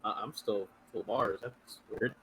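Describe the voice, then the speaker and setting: A man's voice: fairly low pitch, fairly even intonation, a crowd in the background. A man who is not a native English speaker, playing in a tabletop game over voice chat, speaking hesitantly. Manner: hesitant, halting speech. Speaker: player. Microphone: headset over voice chat. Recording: crackly voice chat with fan noise.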